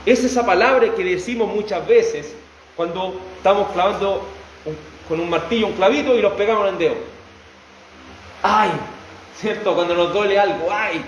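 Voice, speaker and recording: High-voiced preacher in an echoey room. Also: male voice, brisk, distant mic, slight background noise. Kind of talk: sermon. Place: church hall.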